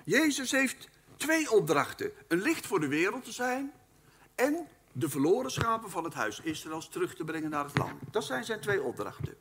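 A man giving a Bible teaching lecture at a live event, speaking in an animated, emphatic way and addressing his listeners formally. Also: high-pitched, moderate pace, slight background noise. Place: live talk at a weekend event.

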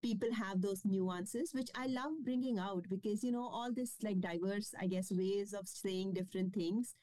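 A children's book publisher and author talks casually in an interview about her books, using lots of fillers and starting over often. She speaks at a moderate pace with a medium pitch and a dark tone, on a rough recording with no echo.

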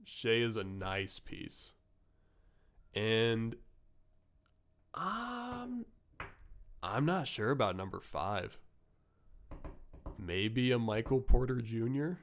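A man's voice: medium pitch, sing-song, extremely slow, pauses often. A man co-hosting a sports podcast in casual chat, laughing easily and giving short agreeing replies. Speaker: podcast co-host.

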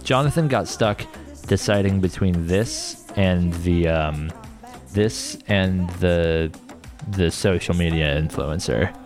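A man's voice: deep voice, slow pace, a little mellow, faint music behind. A man co-hosting a casual chat, reacting wryly with swooping exclamations. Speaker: podcast co-host.

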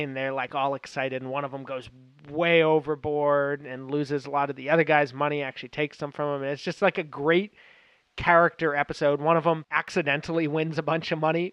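A man's voice: mid-range voice, fairly bright tone, smooth, no room sound. A man casually recapping a television episode, chatty and enthusiastic, with frequent fillers and restarts. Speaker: podcast host.

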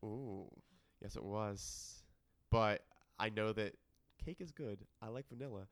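A man co-hosting a podcast in casual pun banter, excitable and laughing, with sudden jumps up in pitch. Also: takes it slowly. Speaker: podcast co-host. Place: dining room.

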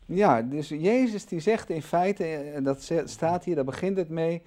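A man, a Bible teacher and studio guest, explaining scripture in a conversational way, dropping to soft asides and then rising to loud, emphatic peaks. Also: on the high side, a little slow. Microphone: studio microphone.

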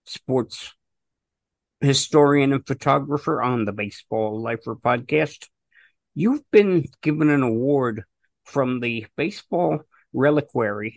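A man's voice: medium pitch, vocal fry, no room sound. A man hosting a podcast, asking an interview guest direct, prepared questions. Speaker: podcast host.

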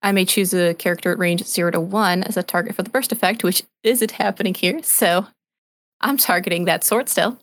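A woman's voice: fairly low pitch, fairly quick, fairly bright tone, no echo. Woman carefully explaining her game moves. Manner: explains rules step by step. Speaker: player. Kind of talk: playing a tabletop game.

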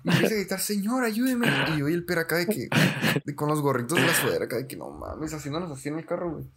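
A young man, a podcast co-host telling stories in slangy, animated casual chat. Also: fairly high pitch, racing, slightly rough. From Mexico. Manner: slangy, says "güey" constantly, animated storyteller.

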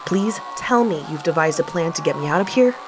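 Her voice is low, animated and brisk as she narrates a first-person audio drama in character as a sardonic young woman caught up in a reckless, dangerous stunt. She's sarcastic and profane, often panicky, with background noise audible in the recording.

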